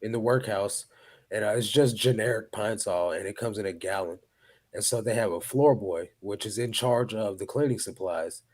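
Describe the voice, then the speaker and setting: A low-pitched man co-hosts a podcast in easy casual chat. He tells stories with energy and jumps into the voices of the people he quotes. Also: moderate pace. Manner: animated storyteller, acts out quotes. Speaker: podcast co-host.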